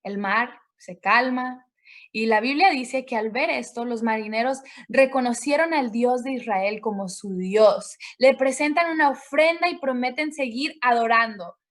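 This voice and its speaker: A woman who preaches a conversational sermon, retelling a Bible story in an animated way, acting out the characters' voices and laughing often. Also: on the high side. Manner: slow, drawn-out delivery.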